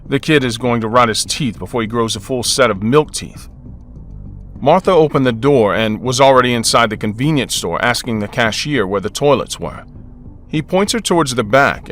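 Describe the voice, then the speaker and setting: A man's voice: medium pitch, a bit bright. A young man narrating a first-person story as a harried father, with a wry, exasperated, joking manner.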